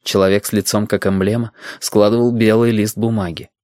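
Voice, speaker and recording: A man narrating a novel in an even, unhurried manner. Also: fairly low pitch, no room sound, clean studio sound. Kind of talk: audiobook narration.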